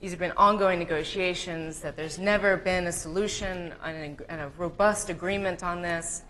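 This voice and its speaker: A woman moderates a conference panel, introducing a guest and then putting a question to him. Her voice sits somewhat low, and she stumbles through fillers and small pauses as she speaks. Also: steady tone, fairly bright tone, a little hiss or hum, poor audio. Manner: hesitant, laughing, many fillers.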